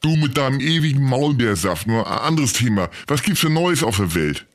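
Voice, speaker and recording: A man's voice: mid-range voice, sing-song, normal speed. Exasperated man playing the straight man. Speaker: comedy sketch host. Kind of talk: scripted comedy sketch dialogue.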